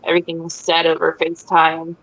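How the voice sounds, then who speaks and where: A young mother speaks as a guest over a video call. Her voice sits a little low for a woman. She talks in a hesitant, emotional way, full of "um"s and restarts. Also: completely flat delivery, fairly quick, fairly bright tone, highs cut off. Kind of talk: casual interview talk.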